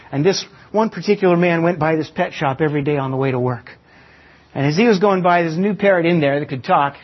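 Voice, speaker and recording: Male pastor, fairly high husky voice, sermon on a muffled lo-fi recording. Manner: teaching with illustrations and slow emphatic pauses.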